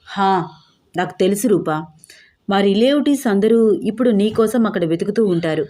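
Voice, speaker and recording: A woman's voice: medium pitch, moderate pace, mellow, natural voice. A woman voicing a pushy, sly young man in a story.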